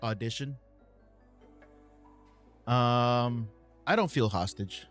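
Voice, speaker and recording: Man, casual livestream host, relaxed chatty delivery, mid-range voice, soft music underneath. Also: mid-range voice, extremely slow. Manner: laid-back, calls viewers man and bro, many ums and uhs. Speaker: livestream host answering viewer questions. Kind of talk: casual live Q&A chat.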